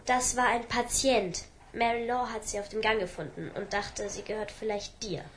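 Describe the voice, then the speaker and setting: A woman's voice: mid-range voice, fairly even intonation, normal speed, a little hiss or hum, lightly acted. An actress playing a bored, defiant teenage girl in a radio drama, curt and dismissive.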